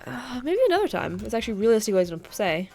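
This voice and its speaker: A woman's voice: fairly high pitch, big pitch swings, quick pace, darkish tone, faint music behind. Rambling, foul-mouthed female gamer. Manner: rambling, swears freely, blunt. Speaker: let's play streamer. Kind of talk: casual gameplay chat.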